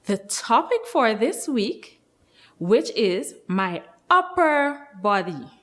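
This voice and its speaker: A woman speaking like a kids show host, teaching young children slowly with encouraging, sing-song questions. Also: on the high side, sing-song, fairly bright tone. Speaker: nursery teacher hosting a children's lesson.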